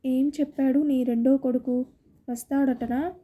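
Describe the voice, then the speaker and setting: A woman reading a story aloud, voicing an older father who asks his wife measured, probing questions. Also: very high voice, level tone, dark tone. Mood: questioning.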